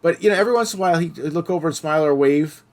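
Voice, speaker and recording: A man's voice: on the high side, rapid-fire. A middle-aged man hosting a podcast, telling stories in casual chat and acting out the voices of the people in them. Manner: animated storyteller, acting out quoted voices. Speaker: podcast host.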